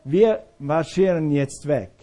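A bold apostle who calls out to his jailer, raising his voice well above a normal speaking level. The exclamations come loud and emphatic, with a dark, mellow tone, as a preacher acts him out. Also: sits high, unhurried, voice pushed up. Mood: taunting. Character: male apostle, taunting or urging, bold.

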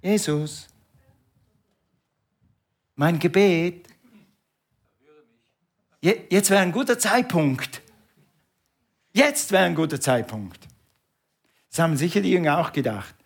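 Man, pastor, lively sermon, call and response, slightly high voice. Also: normal speed, gravelly, pauses often, slightly rough. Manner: animated preacher, call and response with congregation.

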